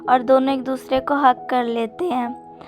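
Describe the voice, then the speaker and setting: A woman narrating a fan-fiction story in a steady, plain retelling. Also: high voice, unhurried. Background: faint music.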